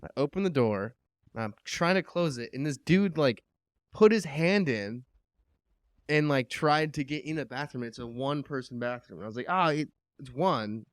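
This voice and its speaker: A man co-hosting a podcast, telling crude stories in fast, rambling, profane casual banter. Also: medium pitch, expressive, dry recording. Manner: fast, rambling storyteller, curses a lot. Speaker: podcast co-host.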